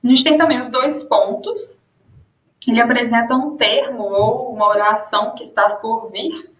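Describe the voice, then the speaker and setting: A young Brazilian woman teaching a grammar lesson, explaining rules and slowing down to read out her examples. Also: fairly high pitch, fairly even intonation, a bit bright. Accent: Brazilian Portuguese. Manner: explains with spoken examples, slows to dictate punctuation. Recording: roomy muffled lo-fi room sound.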